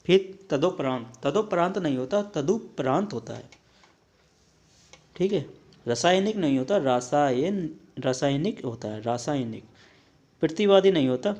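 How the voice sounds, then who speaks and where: Young male tutor, slightly high voice, repetitive drill delivery: wrong word, right word, "okay", next. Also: darkish tone. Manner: repetitive drilling, checks in with "ठीक है" often; contrasts the wrong form with the right one, pausing mid-word. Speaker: Hindi teacher. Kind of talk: spelling lesson for exam prep.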